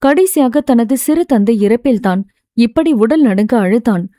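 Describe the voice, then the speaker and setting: A woman narrating a novel as an audiobook narrator, with a steady storytelling delivery. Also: fairly high pitch, unhurried, dry recording, clean studio sound.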